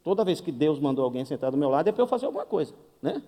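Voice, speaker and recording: A Brazilian man preaches with a Brazilian Portuguese accent in a warm, mellow voice, acting out the dialogue of his story. His pitch rises and falls with lively humor. The sound carries the long reverb of a church hall. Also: very fast. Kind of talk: sermon with storytelling.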